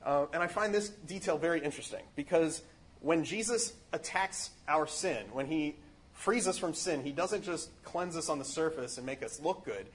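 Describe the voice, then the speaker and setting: Earnest man, somewhat higher voice, husky texture, casual rambling spiritual talk. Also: normal speed. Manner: earnest, rambling with fillers and restarts. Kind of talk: casual spiritual reflection on a book.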